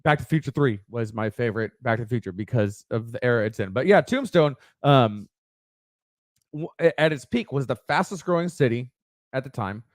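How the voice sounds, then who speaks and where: A middle-aged man co-hosting a casual podcast, blunt and profane, halting with lots of fillers. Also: mid-range voice, animated, dry recording, clean studio sound. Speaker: podcast co-host. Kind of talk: casual chat.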